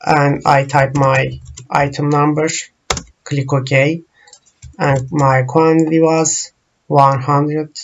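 A man whose first language is Turkish, walking through software screens in a slow, halting tutorial full of pauses and fillers. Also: a little high, little pitch movement, muffled recording, a little hiss or hum. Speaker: software trainer.

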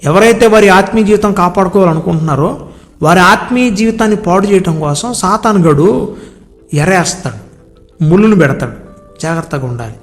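A man's voice: high voice, lively intonation. A man preaching an earnest devotional sermon, repeating words for emphasis and drawing out key phrases. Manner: earnest, repetitive cadence, drawn-out emphatic words. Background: soft background music.

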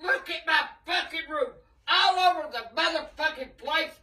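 Angry granny, high piercing voice, swears a ton, real blunt. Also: female voice, moderate pace. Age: older, 60s or above. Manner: irate, profane, blunt, often shouting. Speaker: grandmother in prank videos. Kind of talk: casual reactions to pranks. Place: indoors in a home bedroom. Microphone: handheld phone camera a short distance away.

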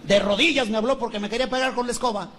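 A man's voice: very high voice, fairly even intonation, racing, a bit bright, a little hiss or hum. A man with a Mexican accent telling jokes as a stand-up comedian, chatty, asking the audience and laughing at his own lines. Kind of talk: joke telling.

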